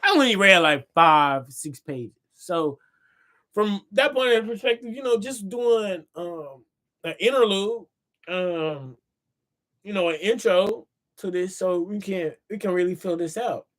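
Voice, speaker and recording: A man's voice: high-pitched, animated, unhurried, a bit bright. A tired man reading from his own book on a casual livestream, speaking loosely to his viewers, repeating words and asking them to say things back. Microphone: phone or computer mic on a livestream.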